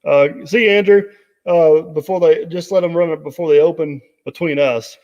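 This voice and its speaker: A man's voice: on the high side, steady tone, moderate pace, a little mellow. A man hosting a casual live stream, rambling with many fillers and reading out viewer comments. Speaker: host. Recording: dull audio with long reverb.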